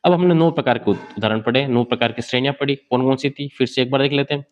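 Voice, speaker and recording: A man's voice: medium pitch, fast, lo-fi sound. A man giving an exam-prep lecture, asking questions and answering them himself while he sketches on a board. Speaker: teacher.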